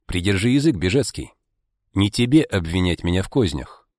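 Man doing a smug sneering rival, mocking, swoops high and low, audiobook. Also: big pitch swings, moderate pace, a little mellow, dry recording, clean studio sound. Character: smug rival businessman, sneering and quick-tempered.

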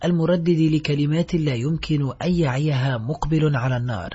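A man with a husky voice narrating a literary novel in a measured, even storytelling manner. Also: on the high side. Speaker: audiobook narrator. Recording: slightly dull recording, faint music.

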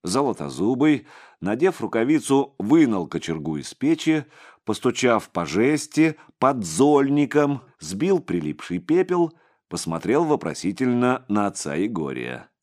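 A man narrating an audiobook story in a dramatic, expressive way. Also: mid-range voice, measured pace.

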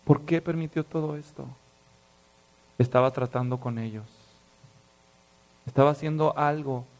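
A man preaching a sermon, telling stories with lively acted voices and dropping to hushed, serious tones. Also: on the high side. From Mexico. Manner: animated storytelling, acts out voices, drops to hushed tones. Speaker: pastor.

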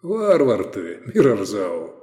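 A man voicing a calm male soldier who mocks his captives with dry irony. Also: fairly low pitch, slow, roomy sound, long reverb tail, heavily acted. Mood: mocking. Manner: mocking, ironic.

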